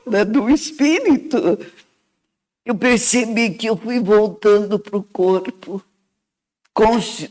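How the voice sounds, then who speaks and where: An earnest Brazilian woman shares her own story as a radio guest. She talks at an unhurried, deliberate pace, reflective in tone and often adding "né" as she goes. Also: mid-range voice, a little mellow, low-quality recording. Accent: Brazilian Portuguese. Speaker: guest sharing a personal testimony. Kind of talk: emotional first-person storytelling.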